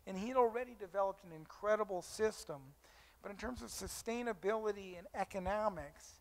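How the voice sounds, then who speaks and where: Brief: middle-aged male surgeon lecturing, high voice, anecdotal with ums, long hall reverb. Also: brisk, vocal fry. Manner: storytelling with frequent ums and uhs. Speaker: eye surgeon giving a lecture.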